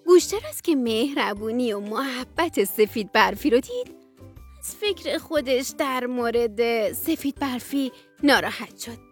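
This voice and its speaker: A woman tells a bedtime story for children in a gentle, sing-song manner. Her voice is fairly high and swoops up and down with lively, animated pitch, and soft children's music plays quietly behind her.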